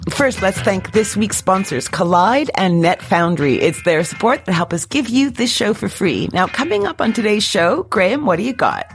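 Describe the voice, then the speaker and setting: Female podcast co-host, chatty and self-deprecating, lively pitch, faint music behind. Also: normal speed, few pauses. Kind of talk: casual podcast banter.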